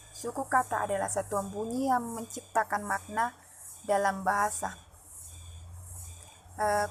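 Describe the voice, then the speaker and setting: A woman presenting phonology material as a student, reading her notes aloud and pausing often with fillers and restarts. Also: medium pitch, a little hiss or hum, rough recording. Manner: halting, with frequent "eh" fillers and restarts. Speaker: student presenting an exam assignment.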